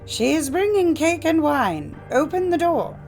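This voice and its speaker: A woman's voice: sits high, very animated, unhurried, vocal fry, darkish tone, faint music behind, voice pushed up, full character voice. A woman voicing a cunning wolf in disguise in a fairytale audiobook, putting on a falsely sweet, luring manner.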